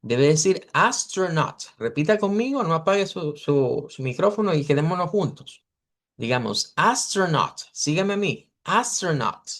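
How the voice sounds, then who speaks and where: Guy teaching english sounds on a video call, patient, keeps repeating words slowly. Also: a little high, lively intonation. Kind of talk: online class correcting students.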